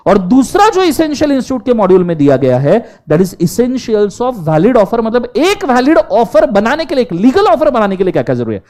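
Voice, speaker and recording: A man's voice: very high-pitched, moderate pace, few pauses. A man teaching law in a classroom lecture, mixing Hindi and English and often asking the class to answer aloud. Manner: animated, quizzes the class in Hindi mixed with English.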